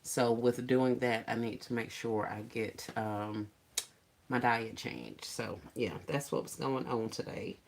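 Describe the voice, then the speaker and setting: Low-voiced woman chatting on a livestream. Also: fairly even intonation, slow pace, vocal fry. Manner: chatty, greets viewers by name; laughs often, playful teasing. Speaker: livestream host. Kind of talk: casual livestream chat.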